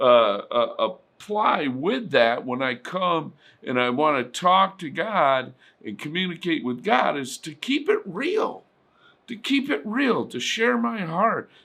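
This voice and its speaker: A man's voice: fairly high pitch, sharp tone. A middle-aged man giving an informal, conversational sermon, full of fillers and acted-out prayers.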